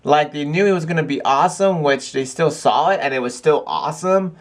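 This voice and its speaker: A man's voice: fairly high pitch, a little fast. Rambling young male vlogger. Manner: rambling, chatty, lots of fillers and restarts. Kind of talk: casual chat to camera. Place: cold house.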